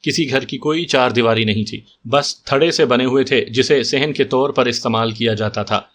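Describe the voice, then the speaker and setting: Man, storyteller, scripted narration, mid-pitched voice. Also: a bit bright.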